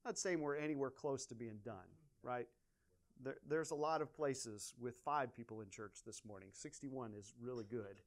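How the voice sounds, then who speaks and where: A male pastor gives an informal sermon in a middle-pitched voice. He keeps turning to his listeners with questions, and his talk is loose and unscripted, with fillers and restarts. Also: normal speed. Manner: asks the congregation questions. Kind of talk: conversational sermon.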